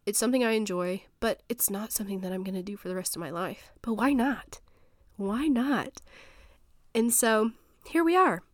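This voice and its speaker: A woman's voice: mid-range voice, expressive, fast, no room sound, clean studio sound. A woman in her thirties hosting a faith podcast, sounding stuffy from a sinus infection, talking in an earnest, rambling, encouraging way from her home office. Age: 30s. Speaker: podcast host.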